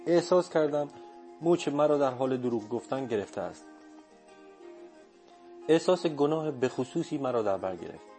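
A man narrating an audiobook in the first person, with measured, reflective storytelling. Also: mid-range voice, expressive, warm tone, faint music behind.

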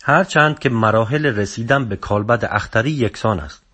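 A man reading a book aloud as a narrator, with a steady, subdued delivery. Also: medium pitch, husky. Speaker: audiobook narrator.

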